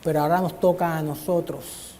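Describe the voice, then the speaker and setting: In a church hall, a man preaches an earnest Bible study sermon with a slightly high, warm voice, fairly even intonation and a fairly quick pace. He often addresses his listeners as brother, heard through long church-hall reverb.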